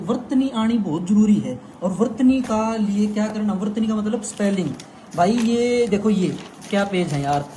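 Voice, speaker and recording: A man's voice: sits high, dark tone, slight background noise. A young man teaching an exam-prep lesson in a chatty way, often calling the viewer "brother". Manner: chatty, repeats "bhai" to the viewer. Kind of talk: casual explainer lesson.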